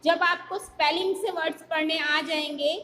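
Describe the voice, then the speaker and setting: A woman's voice: extremely high pitch, steady tone, bright, forceful tone, in a large hall, slight background noise, poor audio. A woman teacher with an Indian English accent, drilling phonics for small children, spelling each word letter by letter before saying it. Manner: spells words letter by letter, then says each word slowly. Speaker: school teacher.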